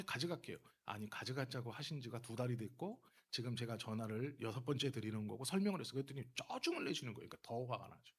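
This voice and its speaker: Male pastor in the pulpit with a husky tone, telling stories, dropping low then pressing hard. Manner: storytelling, swings from hushed asides to heated emphasis. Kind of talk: sermon. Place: church sanctuary.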